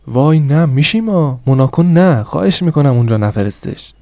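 A man's voice: big pitch swings, warm tone, no room sound, studio quality. A man voicing a distraught mother who pleads for her son in a raised, pleading voice. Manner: high pleading put-on woman's voice.

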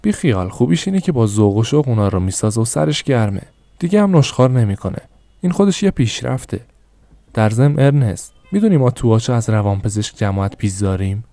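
A man's voice: sing-song, mellow, no echo. A man voicing a distraught mother who pleads for her son in a raised, pleading voice. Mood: cheerful. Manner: high pleading put-on woman's voice.

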